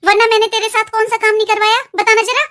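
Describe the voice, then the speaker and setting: A woman's voice: very high-pitched, quick pace. A patient young mother in a cartoon. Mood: hurt. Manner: calm, reasoning, gently scolding. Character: elder daughter-in-law, patient young mother. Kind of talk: cartoon voice acting.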